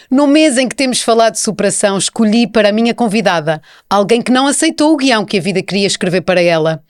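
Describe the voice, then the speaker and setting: A woman with a European Portuguese accent hosting a podcast, reading a measured introduction and then chatting with her guest. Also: medium pitch, dry recording, clean studio sound. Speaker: podcast host. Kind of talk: scripted introduction then casual interview.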